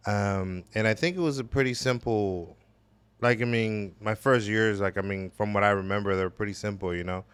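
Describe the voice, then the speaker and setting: A man from El Salvador, a podcast guest, talking reflectively about his upbringing with many pauses and fillers. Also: on the low side, steady tone, a bit bright, clean tone, no echo. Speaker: podcast guest, business owner. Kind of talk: casual conversational interview. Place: gallery space.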